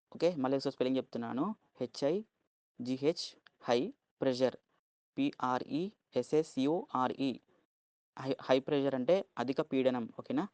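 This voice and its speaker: Male teacher, Telugu accent, patient and slow, spells out every word, dry close sound. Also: medium pitch, darkish tone, no echo. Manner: slow, spells words letter by letter, keeps asking "okay?". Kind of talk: vocabulary lesson.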